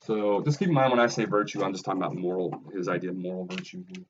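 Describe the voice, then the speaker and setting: A deep-voiced man delivers a recorded philosophy lecture with earnest emphasis. He keeps checking in with his listeners as he explains, and the sound is somewhat dull and lo-fi. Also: fairly even intonation, quick pace, noisy background. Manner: earnest, emphatic, with frequent "right?" and "okay?" checks.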